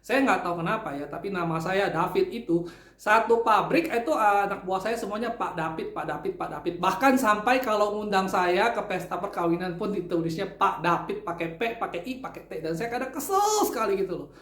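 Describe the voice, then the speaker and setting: A man's voice: high-pitched, animated, fairly quick, fairly bright tone. Chatty man in a roomy room. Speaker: channel host giving speaking tips. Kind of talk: casual talk to camera. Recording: roomy echo.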